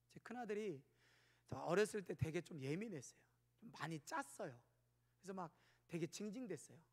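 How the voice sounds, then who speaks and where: A man in his forties preaching a sermon as pastor, telling stories animatedly, jumping from shouts to whispers. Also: high voice. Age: 40s. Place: church sanctuary. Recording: long church hall reverb.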